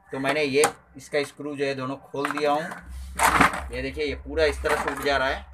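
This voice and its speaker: A man in his thirties hosts a repair channel, his voice fairly high-pitched against some background noise. Working in a small, cluttered workshop and filmed on a handheld phone camera, he chats casually and explains each step of the fix as he goes.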